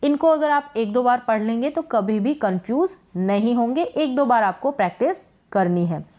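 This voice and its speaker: A woman's voice: fairly high pitch, lively intonation, moderate pace, warm tone. A woman teaching English pronunciation. She asks short questions and answers them herself, repeating each word. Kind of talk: pronunciation lesson.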